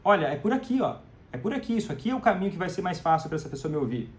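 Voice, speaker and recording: A man's voice: high-pitched, sing-song, rapid-fire. A man hosting a live stream, talking to viewers in a conversational way, asking them questions and acting out example phrases. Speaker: host of a live stream on family communication about alcoholism.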